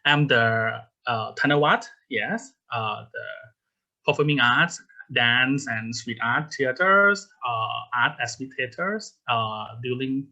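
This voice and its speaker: Slow male panelist with a sharp tone. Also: mid-range voice, animated, muffled recording. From Thailand. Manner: halting, frequent "uh" and restarts. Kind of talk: panel remarks.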